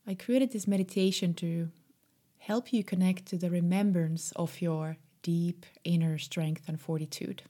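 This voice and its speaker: Woman doing guided meditation, soft half whispered breathy voice, super slow and mellow, gentle and soothing. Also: fairly low pitch, steady tone.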